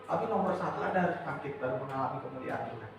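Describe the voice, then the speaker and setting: Preaching man in a booming echoey hall. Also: animated, rapid-fire, noisy background. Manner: emphatic preaching, swings from loud to soft; casual, mixes in everyday slang and English words. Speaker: youth pastor. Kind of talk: Indonesian church sermon. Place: church hall. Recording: echoey hall, distant dull mic.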